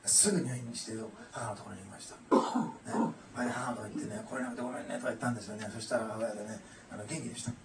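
A male pastor, voice on the low side, speaks fast over a noisy crowd while giving an emotional, earnest testimony sermon. He regularly adds "ne" to what he says. It's captured by a distant mic in an echoing, noisy room.

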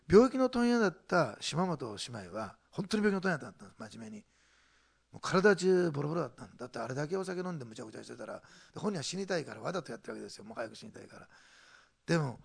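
A man's voice: mid-range voice, vocal fry, slightly rough. A man preaching a sermon as pastor, telling a story with emphatic stress and laughing between points.

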